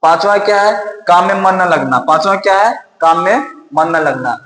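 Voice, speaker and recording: A man's voice: high-pitched, lively intonation, moderate pace, a bit bright. Echoey male teacher lecturing. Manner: repeats key points, asks and answers his own questions. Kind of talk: classroom-style lecture. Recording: roomy echo with long reverb.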